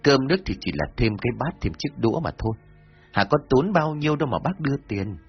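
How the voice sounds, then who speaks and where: Man playing an older village chief, low, husky, earnest, lo-fi with soft music. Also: lively intonation, fast. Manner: earnest, self-reproaching. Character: older male village chief, humble, remorseful. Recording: dull lo-fi, faint music.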